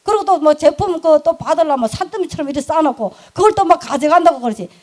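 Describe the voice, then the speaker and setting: Fast, animated high-voiced woman. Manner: animated, emphatic, laughs often. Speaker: business speaker sharing her story. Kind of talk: lively storytelling talk.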